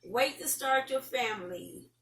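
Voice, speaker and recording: Here the online talk show host, a middle-aged woman with a Southern American accent, sounds animated, her voice on the high side, creaky, and fairly bright, with a slightly slow delivery. She chats casually and gives viewers folksy, rambling advice, recorded in a roomy space on a distant mic with faint noise.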